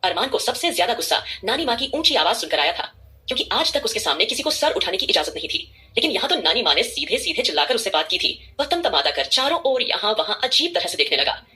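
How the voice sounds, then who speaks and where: A woman narrating a dramatic audio story, reading expressively. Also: a little high. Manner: expressive, fast-paced reading.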